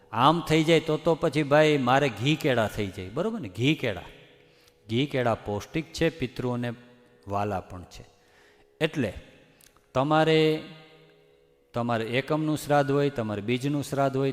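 Earnest man preaching in a reverberant hall. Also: mid-range voice. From Gujarat, India. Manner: earnest, pleading, rising to emphatic warnings. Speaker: religious speaker. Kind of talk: devotional discourse.

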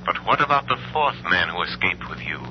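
A mysterious, commanding male vigilante from a 1930s radio play. He speaks low and deliberately, with stern theatrical weight. The old recording is dull and hissy. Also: sing-song. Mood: probing, accusing.

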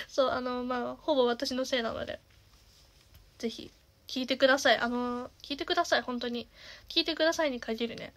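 A young woman in her twenties with a naturally nasal voice, chatting casually as a singer and streamer, with lots of fillers and the odd soft half-whisper. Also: high-pitched, steady tone, normal speed, pauses often. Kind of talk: casual chat.

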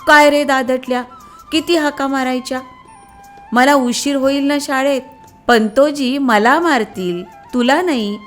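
A woman's voice: animated, slow pace, faint music behind. A woman voicing an eager little boy. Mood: mock anger. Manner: high, eager, childlike questions. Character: eager little boy Shyam, innocent and trusting.

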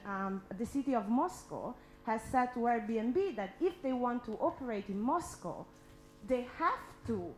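A woman in her thirties speaking as a panelist in an impromptu discussion, halting and repeating words as she argues earnestly into a handheld microphone. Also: a little high. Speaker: symposium panelist. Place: indoor symposium room. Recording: roomy hall echo, noise and hum.

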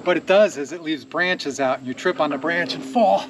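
Fixing his sawmill outdoors in a wooded yard, a chatty man explains the repair hands-on and casually, laughing easily as he works. His pitch is fairly high at a normal speed, and the recording carries clear background noise.

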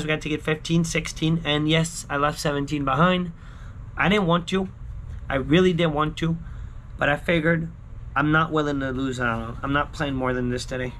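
A man in his thirties hosts a scratch-ticket vlog outdoors by his backyard pool and screened poolside patio. His voice is a little high and fairly bright, with a touch of hiss or hum. He chats casually and slangily with viewers, repeating short catchphrases.

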